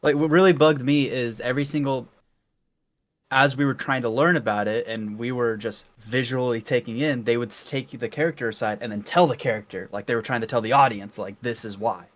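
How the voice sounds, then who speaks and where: Animated guy cursing a lot in a casual chat, mid pitch. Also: brisk. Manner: animated, swears freely. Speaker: reaction show co-host.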